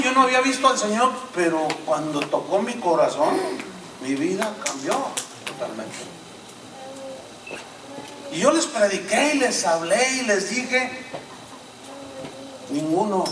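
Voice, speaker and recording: An older-sounding Mexican man, nearing sixty, preaches with a fairly high voice and lively storytelling. He is picked up from a distance in an echoey sanctuary, with steady hiss behind him. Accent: Mexican Spanish. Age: 50s. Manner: animated, acts out dialogue in shifting voices. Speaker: pastor. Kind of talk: sermon with storytelling. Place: church sanctuary. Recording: echoey church hall, mic at a distance.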